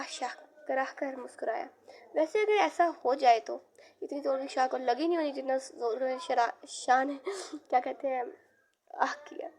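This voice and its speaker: Female audiobook narrator, Urdu accent, high voice with a gravelly edge, reads all the dialogue herself. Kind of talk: romance novel narration with dialogue.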